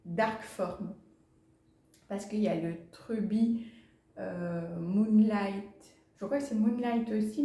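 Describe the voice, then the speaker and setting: A woman's voice: mid-range voice, mellow. Chatty woman in an echoey room. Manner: chatty, hesitant with many fillers, laughs easily. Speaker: plant vlogger, channel host. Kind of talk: casual chat to camera, showing plants. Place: home, indoors.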